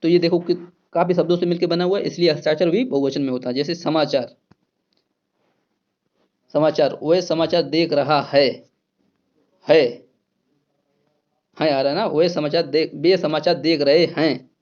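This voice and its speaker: A man's voice: on the high side, fairly even intonation, moderate pace, long pauses, darkish tone. Man teaching grammar, dull lo-fi sound. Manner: repeats key words, asks and answers own questions. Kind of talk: exam-prep grammar lesson.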